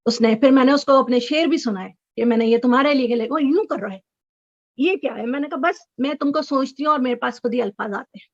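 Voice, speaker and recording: A middle-aged woman telling an excited story as an interview guest on a video call, sometimes breaking into high squeals. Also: quick pace, no echo. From Chicago resident. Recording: dull, dry video call audio.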